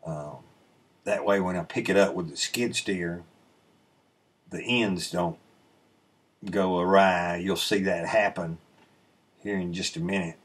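A middle-aged man who runs a sawmill channel sits at his desk indoors, away from the mill, and talks into a webcam mic over his footage. His husky, low voice stays relaxed and rambling as he plainly explains each step, with frequent ums and uhs.

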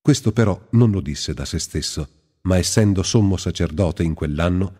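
Deep husky man reading scripture. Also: mellow. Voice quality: slow, measured, reverent delivery. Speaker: Bible reader. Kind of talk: solemn scripted Bible reading. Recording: long hall reverb.

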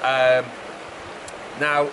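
Middle aged bloke vlogging outside, chatty, talking up over clear rushing water noise. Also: male voice, mid-range voice, completely flat delivery. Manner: chatty, raised voice projected over background noise. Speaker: vlogger presenting a build project. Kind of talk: casual explanatory vlog to camera. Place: outdoors beside a fast-flowing river. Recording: outdoor recording with rushing river noise.

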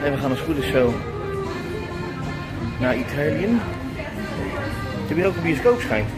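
A chatty, upbeat Dutch man in his thirties talks to a camera held at arm's length while he walks outdoors through a busy theme park. His voice sits a little high for a man. Music plays clearly in the background. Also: sing-song, measured pace, low-quality recording. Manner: chatty, upbeat, many fillers. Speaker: vlogger. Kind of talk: casual travel vlog. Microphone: action camera at arm's length. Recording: music clearly heard behind.

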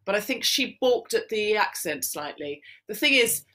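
A woman hosting a live Q&A over a video call, chatty and joking with quick asides. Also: medium pitch, expressive, pushed and bright. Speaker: podcast host.

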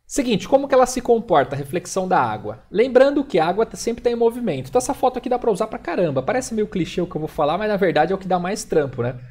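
A man's voice: high-pitched, big pitch swings, quick pace, few pauses, darkish tone. A young man from Brazil teaching digital painting on a live stream, casual and chatty, pointing things out as he draws. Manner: casual and chatty, repeats "ó" while demonstrating. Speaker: digital illustration instructor.

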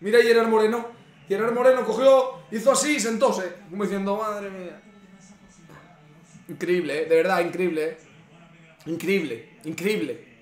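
A man's voice: sits high, normal speed, pauses often, faint music behind. A young man with a Spain Spanish accent, reacting live to a football match, swearing and exasperated at the screen. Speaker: streamer. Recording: echoey room.

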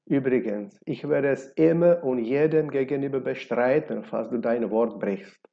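A man's voice: medium pitch, moderate pace, gravelly, close to an everyday voice. A man voicing an older married, pregnant woman in a read-aloud novel, imploring and urgent. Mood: anxious. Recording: dull lo-fi recording.

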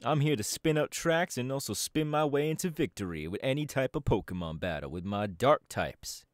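In an audio roleplay, a man voices the Team Star leader, a cocky young male DJ who runs a gang and boasts straight to the listener with plenty of swagger. His medium-pitched voice is expressive and moderately paced, with a boastful mood. The studio-quality recording has no echo and sounds close to an everyday voice.

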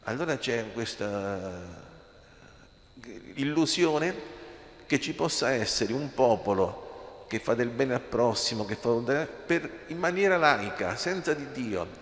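A man's voice: medium pitch, expressive, slow, fairly bright tone. A man, a priest, preaching an impassioned sermon in a church, firing rhetorical questions at the congregation. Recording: echoey church with long reverb.

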